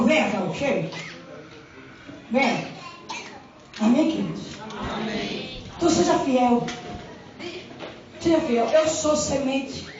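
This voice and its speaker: A Brazilian woman preacher giving a fervent sermon, swinging from quiet talk to shouts, heard from far off in a church hall. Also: high voice. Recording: echoey hall from far off, dull with crowd.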